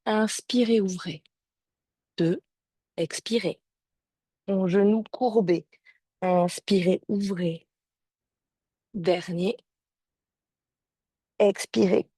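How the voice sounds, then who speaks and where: A woman yoga teacher giving calm step-by-step cues and breath counts to a class over a video call. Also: mid-range voice, extremely slow, pauses often, husky, no echo. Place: home or studio, streamed on a video call. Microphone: video call microphone.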